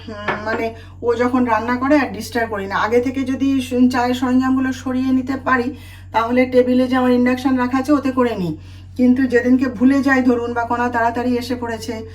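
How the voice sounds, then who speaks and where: A middle-aged woman chatting to her viewers in a homely family vlog, telling stories from her kitchen. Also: on the high side. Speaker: family vlogger. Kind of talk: casual home vlog chat. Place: home kitchen. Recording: slightly distant mic, faint room noise.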